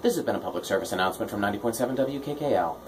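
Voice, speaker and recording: Male radio host for offbeat, self-mocking patter; lively, swooping intonation, faint background noise. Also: on the low side, rapid-fire. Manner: playful, tongue-in-cheek, self-deprecating. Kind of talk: casual comic radio patter.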